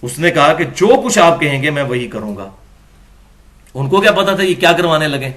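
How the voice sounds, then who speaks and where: A man's voice: a little high, animated, fairly bright tone. A man giving a religious lecture, reading from books and arguing his points with emphatic peaks. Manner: argumentative, rising to emphatic peaks.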